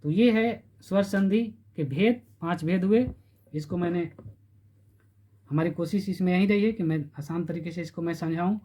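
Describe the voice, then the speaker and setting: A man teaching a grammar lesson, repeating terms and stretching syllables slowly to spell them out. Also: high-pitched, warm tone. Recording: dull lo-fi recording.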